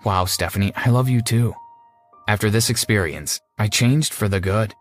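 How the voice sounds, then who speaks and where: A man plays a repentant teenage bully telling his own story in the first person, sincere in mood. His fairly low, natural voice is earnest and dramatic at a moderate pace. Music runs underneath.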